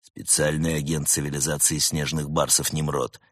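Man voicing a snow leopard agent, very deep, husky, dry and sardonic, storybook. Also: little pitch movement, moderate pace, a bit bright, dry recording, exaggerated voice. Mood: curt, sardonic. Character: cool-headed male snow leopard secret agent.

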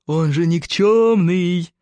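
A woman's voice: fairly low pitch, animated, a little mellow, dry recording. A woman voicing a sneering Viking boy bully. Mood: gloating. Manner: jeering, drawn-out taunts.

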